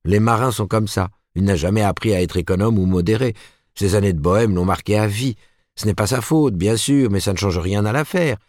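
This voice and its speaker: A man's voice: deep voice, lively intonation, moderate pace, darkish tone, no echo, clean studio sound. A man reading the part of a proper, disapproving middle-aged mother who lectures her daughter in an audiobook. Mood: admonishing. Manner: admonishing, rising emphatically.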